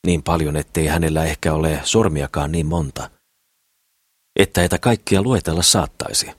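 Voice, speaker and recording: A man narrating an audiobook novel in a measured, even storytelling manner. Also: a bass voice, dry recording, studio quality. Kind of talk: scripted narration.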